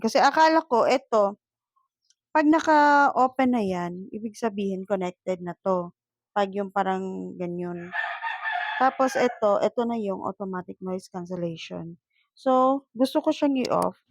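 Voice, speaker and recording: A young woman with a Filipino accent chats casually to her viewers, slow and easygoing. Her voice is a little husky, picked up close on a phone lavalier mic. Roosters crow now and then behind her. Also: mid-range voice, expressive, dry recording, poor audio. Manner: chatty, mixes English and Filipino, talks to viewers directly. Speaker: vlogger testing a lavalier mic. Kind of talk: casual product-test vlog. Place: home with roosters crowing nearby. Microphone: lavalier plugged into a phone.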